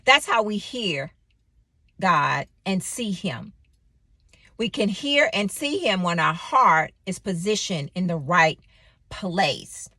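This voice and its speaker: A woman in her thirties giving an animated devotional talk, telling a personal story with sudden exclamations. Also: fairly low pitch, slow pace, no echo. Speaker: faith vlogger.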